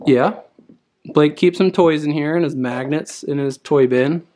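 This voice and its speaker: Filming a family vlog, a man in his thirties from the US walks through the rooms of his house, talking playfully and coaxingly to his children. He has a fairly high, warm voice and a measured pace. The footage is noisy, recorded on a handheld camera at arm's length.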